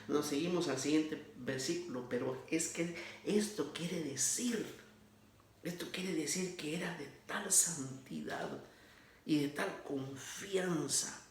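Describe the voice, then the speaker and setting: A man's voice: fairly high pitch, creaky, echoey room. A man giving an informal sermon on scripture readings, speaking earnestly and directly to the listener as a brother, with frequent restarts. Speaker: preacher.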